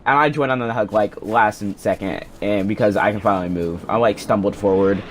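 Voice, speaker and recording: A man's voice: lowish voice, fairly quick, slight background noise. Rambling, profane young man telling a story. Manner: rambling, profane, self-interrupting. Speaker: storyteller vlogger. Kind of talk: casual storytelling. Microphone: cheap home microphone.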